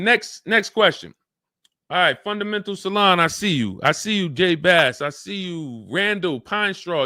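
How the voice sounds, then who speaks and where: Energetic man hosting a car-buying live stream. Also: a little high, dry recording, studio quality. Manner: energetic, acts out buyers and salesmen in quick asides. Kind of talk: live-stream Q&A, casual and animated.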